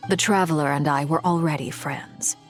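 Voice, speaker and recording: An actress playing an earnest, steady young adventurer in a video game. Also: female voice, sits low, normal speed, soft background music, lightly acted.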